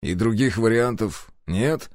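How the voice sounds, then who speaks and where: A man's voice: on the low side, a little slow, darkish tone, dry recording, clean studio sound, close to an everyday voice. Man voicing a blunt, defiant hero. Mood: gruff. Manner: blunt, gruff, defiant, swears. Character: blunt stubborn reluctant man, first-person hero.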